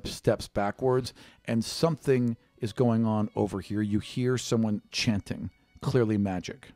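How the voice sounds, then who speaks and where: A game master with a lowish voice improvises tabletop game narration in a conversational way, describing scenes directly to the player.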